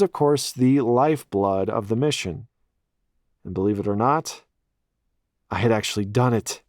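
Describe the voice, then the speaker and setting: A man with a lowish voice reads a first-person novel aloud. His delivery is wry and self-deprecating, with profane asides. The recording is dry with no room sound. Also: darkish tone, dry recording. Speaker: audiobook narrator. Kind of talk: first-person audiobook narration.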